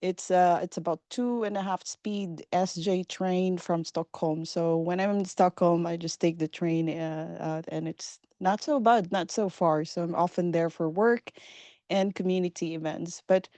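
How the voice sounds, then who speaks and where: A woman's voice: fairly low pitch, fairly even intonation, measured pace, dark tone, dry recording. A woman from the Philippines, hosting a casual live webinar over a video call in an upbeat, chatty way with many fillers. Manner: upbeat, chatty, with frequent fillers and small laughs. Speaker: webinar presenter.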